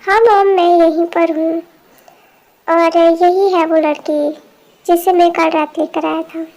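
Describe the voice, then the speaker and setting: A woman voicing a calm, caring young man in an amateur fan dub, with a gentle, reassuring manner. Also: extremely high pitch, takes it slowly, full character voice. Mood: concerned.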